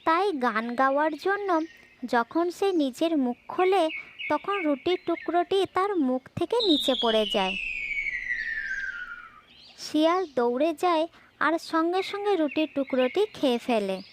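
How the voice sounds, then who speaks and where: Telling a children's fable from a script, a woman speaks a little slowly and expressively in a distinctly high voice. There's faint noise throughout the recording.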